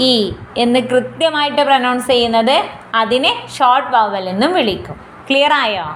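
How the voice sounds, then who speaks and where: Woman, Malayali accent, phonetics teacher, slow careful pace, repeats example words, echoey room. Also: on the high side, a bit bright. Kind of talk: explaining a lesson in Malayalam with English terms. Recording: echoey room with faint background noise.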